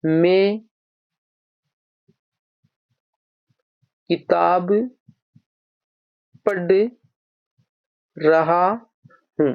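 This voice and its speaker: A man's voice: high voice, darkish tone. A man teaching an exam-prep grammar lesson, patiently explaining and dictating example sentences word by word. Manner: patient, explanatory, calls listeners brother. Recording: dull lo-fi recording.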